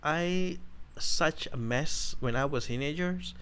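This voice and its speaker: A man's voice: a little high, slow, a bit bright, clean tone. Rambling young man telling his story. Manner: rambling, self-correcting, restarts often. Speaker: vlogger. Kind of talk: personal storytelling vlog.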